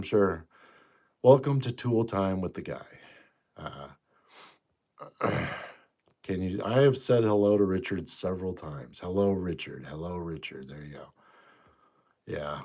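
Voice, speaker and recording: Low, gravelly and a little breathy, this livestream host in his fifties rambles easily through viewer comments. His nose is stuffed up, and his sentences often fade away quietly.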